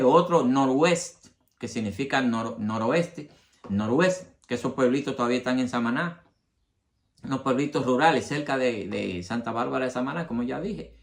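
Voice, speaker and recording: A man hosts a history channel. He talks straight to his viewers and lays out each point with examples. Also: medium pitch. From Dominican Republic. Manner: addresses the audience directly, explains with examples. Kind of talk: explanatory talk to viewers.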